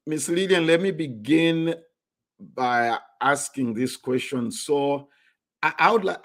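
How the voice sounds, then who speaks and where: A man hosting a live online interview, greeting viewers and asking the questions in an upbeat, drawn-out way. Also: mid-range voice. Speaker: host.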